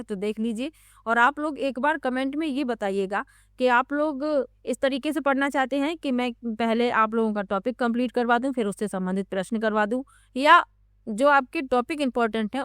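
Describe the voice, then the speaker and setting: A woman teacher with a smooth, clear and slightly high voice works steadily through exam questions. She reads each set of options and then explains why one answer is correct. The recording is close and dry, with no room sound. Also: fairly bright tone, no echo.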